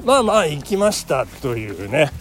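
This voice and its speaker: A man's voice: fairly high pitch, sing-song, normal speed, noisy background. A man in his fifties hosting a casual solo talk show outdoors on a morning run. He speaks in a jokingly formal, chatty way. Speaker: podcast host.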